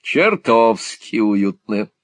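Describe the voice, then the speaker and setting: Male reader as a brash theatrical actor; bluster, lively pitch swings. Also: extremely slow, dry recording, heavily acted. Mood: hearty. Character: brash swaggering male actor, a stage tragedian.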